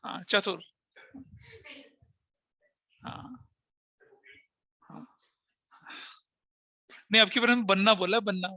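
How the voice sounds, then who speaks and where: A man's voice: high-pitched, fairly even intonation, slow, vocal fry, long pauses, bright, forceful tone, no echo, lo-fi sound. A middle-aged man teaching an accountancy class, talking straight to his students, mixing Hindi and English terms, joking and scolding by turns. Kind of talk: online class lecture.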